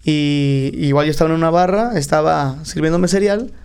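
A man's voice: fairly high pitch, normal speed, smooth. A man with a Mexican accent, a podcast guest telling stories in slangy casual chat. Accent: Mexican Spanish. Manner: slangy, animated storytelling.

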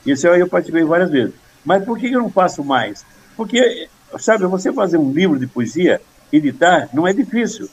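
An older man in casual conversation, earnestly explaining poetry and reciting verse with a steady rhythm. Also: high voice, a little fast, a little hiss or hum, poor audio. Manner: earnest, rhythmic when reciting, many restarts. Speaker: poet guest.

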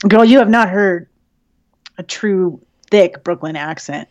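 A woman's voice: fairly low pitch, unhurried, a little mellow, no room sound, lo-fi sound. A woman co-hosting a podcast in casual chat, swearing freely and laughing often. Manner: profane, laughing, chatty. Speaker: podcast co-host.

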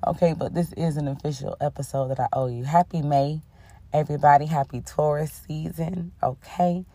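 A woman's voice: deep voice, fairly even intonation, moderate pace, no room sound. A young woman hosting a casual spiritual podcast, a little under the weather, affirming and chatty, often checking in with "okay?". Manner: warm-toned, affirming, sprinkles in "okay?" and "honey". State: under the weather, voice a bit rough. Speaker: podcast host.

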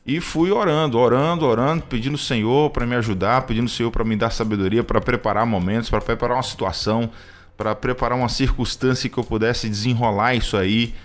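This co-host of a radio program is a man in his 30s who talks fast in a medium-pitched voice with fairly even intonation. Earnest but hesitant, he keeps restarting and fills his speech with fillers.

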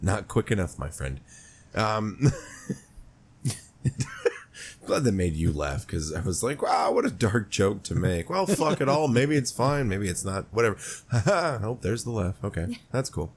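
A man's voice: fairly low pitch, big pitch swings, a little slow, pauses often, breathy edge. A man co-hosting a podcast in crude, teasing casual chat, often laughing mid-sentence. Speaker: podcast co-host.

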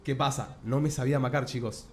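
A young man with an Argentine Rioplatense accent, co-hosting a casual podcast chat and telling animated childhood stories. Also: medium pitch, quick pace, soft background music. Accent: Argentine Rioplatense Spanish. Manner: animated storyteller, acts out quoted voices. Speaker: podcast co-host. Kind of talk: casual chat among friends.

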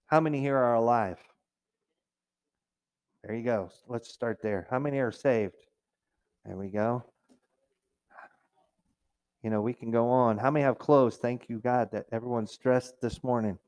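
A middle-aged man delivering a sermon from the pulpit. His voice sits at an ordinary male pitch, and his preaching is conversational and direct. He sometimes breaks into a raised, whiny voice to mimic complainers. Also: a little slow, long pauses, darkish tone, clean tone. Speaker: pastor.

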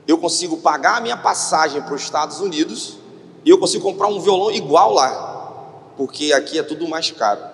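A man with a Brazilian Portuguese accent preaching a testimony sermon, retelling a story with lively quoted dialogue. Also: fairly high pitch. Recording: long hall reverb.

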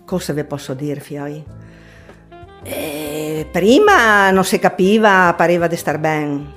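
A woman's voice: on the low side, animated, slow pace, fairly bright tone. A woman in her eighties from Trieste with a Triestine dialect accent, chatting in a rambling, conversational way. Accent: Triestine, north-eastern Italian dialect. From Trieste, Italy. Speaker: interviewed grandmother. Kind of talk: casual interview chat, dialect mixed with Italian. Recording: music under the voice.

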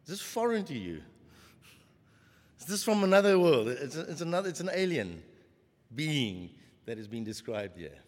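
A man preaching a sermon, animated, with many rhetorical questions to the congregation. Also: fairly high pitch, normal speed, long pauses, long reverb tail.

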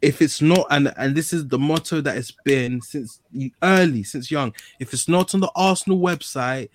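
A man's voice: a little high, normal speed. London man in casual, slangy football chat. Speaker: football fan panellist on a podcast.

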